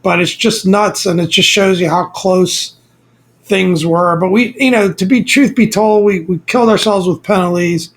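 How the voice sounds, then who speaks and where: A man's voice: high-pitched, steady tone, normal speed. A middle-aged man from Maryland co-hosting a sports podcast in a casual, joking way. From Maryland, USA. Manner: casual, joking, chuckles often. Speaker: co-host. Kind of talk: sports talk podcast chat.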